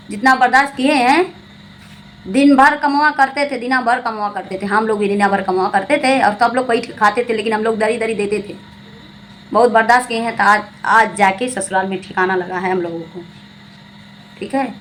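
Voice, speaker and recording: A woman's voice: fairly high pitch, a bit bright, a little hiss or hum, rough recording. A young adult woman, giving preachy, scolding commentary to her viewers and repeating her points. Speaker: vlogger commenting on a family channel. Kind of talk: casual spoken commentary to viewers.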